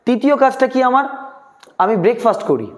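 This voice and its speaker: Man, high voice, english lesson, slow drawn-out example sentences, coaxing questions. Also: expressive. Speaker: English teacher.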